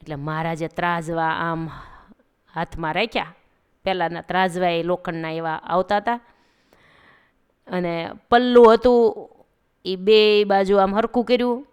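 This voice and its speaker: A woman narrating a devotional story, talking lively and directly to her listeners. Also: medium pitch, clear, resonant tone.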